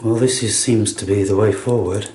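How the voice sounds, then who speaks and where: A man's voice: on the low side, steady tone, normal speed, warm tone. A man chatting casually to a pet in a coaxing, blokey way as he looks after it. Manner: coaxing, blokey, says "mate". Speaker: animal carer filming a home feeding. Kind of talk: casual murmured chat to a pet. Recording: echoey room, faint noise and clicks.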